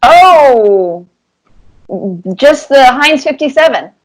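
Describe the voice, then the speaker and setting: A woman cartoonist speaks extremely slowly in a high-pitched voice, animatedly recounting casual anecdotes as she answers interview questions and repeating words for emphasis. The recording is low quality.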